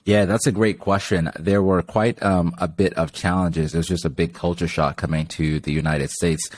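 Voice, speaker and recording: A man's voice: sits low, normal speed. A young man from Zimbabwe, a podcast guest talking casually with lots of filler words. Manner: relaxed, chatty, lots of "like" fillers. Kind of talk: casual interview chat.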